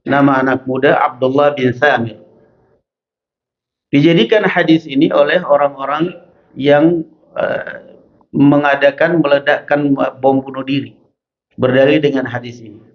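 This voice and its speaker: A male preacher teaching a mosque study session, chanting Arabic passages slowly and then explaining them in casual speech. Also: medium pitch, fairly even intonation. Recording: dull lo-fi mosque recording.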